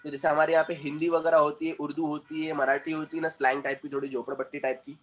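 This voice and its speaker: A male communication trainer gives a classroom lecture in a somewhat high voice. He explains at length, repeats himself and keeps checking that his students follow. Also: flat delivery, fast. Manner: explanatory, repeats points, asks the class questions.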